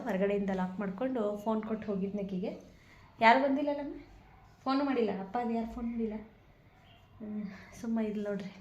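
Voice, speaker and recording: A young woman, chatting casually to viewers in a home vlog and showing them her housework. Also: on the high side. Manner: chatty, keeps saying "look" to viewers. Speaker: vlogger and mother.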